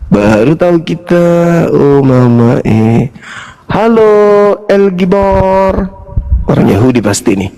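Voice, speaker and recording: A man's voice: fairly high pitch, lively intonation, slow pace, gravelly, dark tone. A man hosting a live debate stream, teasing his caller, often laughing and pressing the same question again and again.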